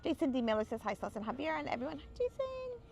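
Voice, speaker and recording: A woman's voice: a little high, rapid-fire, vocal fry, a little mellow, soft background music. A young woman co-hosting a casual live stream outdoors by a grill, reading viewer comments aloud and greeting each person by name in a bubbly sing-song. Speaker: livestream co-host.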